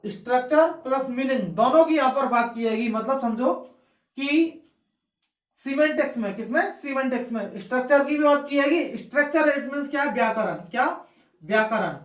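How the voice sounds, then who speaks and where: A man with a very high-pitched voice gives a classroom lecture at a moderate pace, posing his own questions and answering by repeating the key word. The room is echoey and the mic distant.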